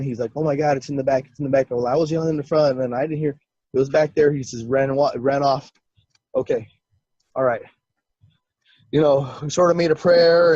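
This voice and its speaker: A man telling an encounter story as an interview guest, excitedly acting out quoted voices and laughing often. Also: fairly high pitch, no room sound. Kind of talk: animated storytelling. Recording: dull lo-fi dry sound.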